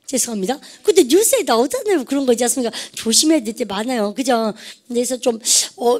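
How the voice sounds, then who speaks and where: A woman teaching an English vocabulary lesson, leading call-and-response drills and constantly addressing her students. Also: on the high side. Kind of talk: lively classroom-style vocabulary lesson.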